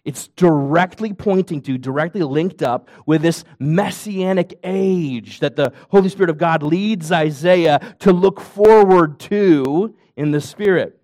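Man, pastor, sermon, high voice, emphatic, asks the crowd questions. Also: measured pace, few pauses, a little mellow. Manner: emphatic, asks the audience questions, jokes lightly.

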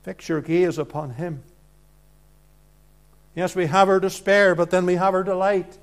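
This earnest evangelical preacher speaks in short, deliberate phrases, his voice sitting high and his tone steady. He alternates between hushed delivery and booming projection.

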